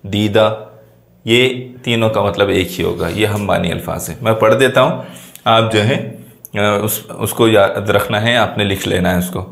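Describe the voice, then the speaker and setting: A male teacher, explaining a vocabulary lesson in a patient classroom manner and lifting his pitch to stress key points. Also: roomy sound.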